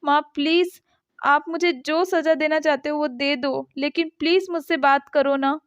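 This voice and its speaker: A woman's voice: sits high, fairly even intonation, moderate pace, no room sound, natural voice. A woman voicing a grown son who begs his mother for forgiveness in tears. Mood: pleading. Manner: tearful, begging. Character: grieving middle-aged son pleading with his mother. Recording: dull dry lo-fi sound.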